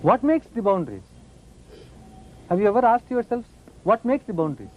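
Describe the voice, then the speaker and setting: Man, very high voice, playful preaching, muffled old recording. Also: very animated, normal speed, slight background noise. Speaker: yoga teacher. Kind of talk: lively spiritual talk.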